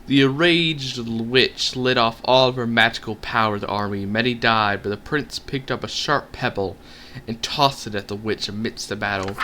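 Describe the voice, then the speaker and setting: A man's voice: mid-range voice, normal speed, bright, forceful tone, slight background noise. A man streaming a text game, reading its story aloud in a storybook cadence. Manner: narrates in a storybook cadence, puts on voices for quotes. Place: home streaming setup.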